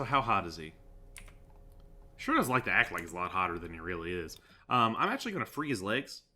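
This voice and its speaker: A man's voice: mid-range voice, pushed and bright. A man giving casual, joking commentary over a sandbox game, talking sarcastically with lots of fillers. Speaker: gaming YouTuber.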